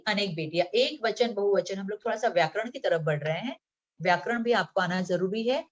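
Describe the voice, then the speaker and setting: A woman teacher from Mumbai giving a slow, patient lesson to young children, reading words one by one and often checking in with the class. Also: fairly low pitch. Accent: Mumbai Hindi. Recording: dull lo-fi sound.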